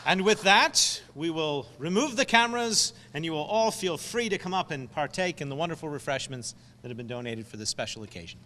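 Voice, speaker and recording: A man, a city official, speaking in a measured, formal way as master of ceremonies. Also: fairly high pitch, animated, in a large hall, noisy background. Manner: measured, formal, slightly grand wording.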